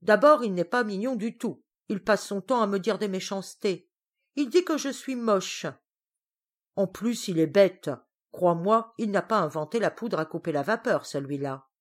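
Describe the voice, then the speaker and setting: A woman's voice: medium pitch, animated, a little slow, voice pushed up, close to an everyday voice. A woman voicing a vain, grumpy witch who complains indignantly. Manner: indignant, whiny.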